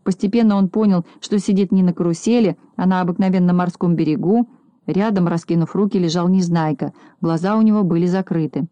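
Brief: woman narrator, storybook reading, mellow low-bright voice, dry close sound. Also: a little fast, no echo. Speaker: audiobook narrator.

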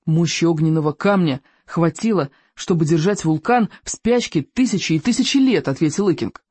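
An audiobook narrator reading a children's adventure story in an animated, theatrical way. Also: mid-range voice, moderate pace, breathy edge, dry recording.

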